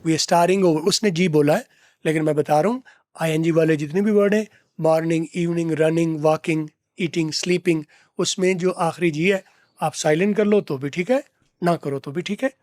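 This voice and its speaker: A man teaching English from film dialogue, repeating phrases slowly to drill pronunciation. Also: fairly high pitch, darkish tone, dry recording, studio quality. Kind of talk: lesson explaining film dialogue.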